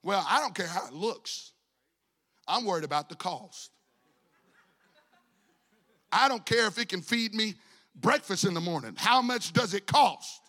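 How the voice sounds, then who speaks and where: Male pastor, high bright voice, animated storyteller who plays every character, church hall echo. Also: a little slow, pauses often. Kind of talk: storytelling sermon. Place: church sanctuary.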